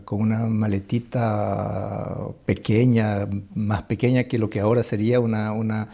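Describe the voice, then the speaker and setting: A man from El Salvador, an ambassador, talking in an interview in a thoughtful, halting way with many restarts. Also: on the low side, creaky, warm tone, slightly rough. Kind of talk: conversational interview.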